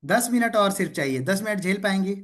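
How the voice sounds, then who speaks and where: A man's voice: high voice, animated, a little fast, a bit bright. A man leading an interactive online sales training over a video call. He drills the group in call-and-response, teases participants playfully and keeps checking in that everyone is following.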